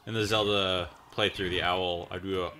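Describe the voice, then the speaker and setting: A man's voice: low voice, fairly even intonation, normal speed, pushed and bright. A young man coaching and encouraging his wife through a video game, joking easily as he goes. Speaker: co-player of a gaming channel. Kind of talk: casual let's play chat.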